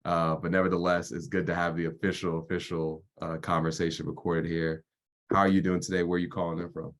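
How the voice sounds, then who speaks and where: Laid-back young host, deep flat voice. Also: male voice, brisk. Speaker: podcast host. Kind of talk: casual interview chat.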